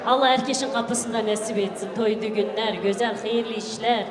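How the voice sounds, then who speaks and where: A woman's voice: fairly high pitch, steady tone, normal speed. A woman hosting a wedding celebration live, calling guests up and urging applause in a festive, exclamatory way, switching between languages. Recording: echoey reverberant hall, crowd noise behind.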